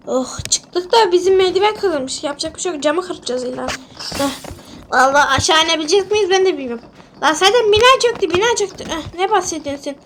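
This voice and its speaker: A woman role-playing panicky, excitable commentary over a sandbox game. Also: very high voice, slight background noise. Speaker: gaming video creator.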